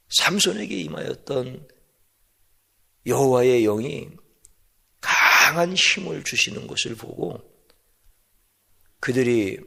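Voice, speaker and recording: A male pastor preaching at a slow, deliberate pace, with frequent rhetorical questions. His voice is gravelly and husky, with a bright, forceful edge. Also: medium pitch. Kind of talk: sermon.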